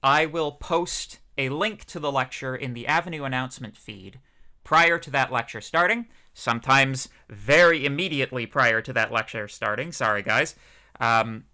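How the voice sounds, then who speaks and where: A man's voice: mid-range voice, normal speed, bright, forceful tone, smooth. A young man, a PhD student teaching a university course, giving a casual livestreamed lecture in a chatty, rambling way with many fillers.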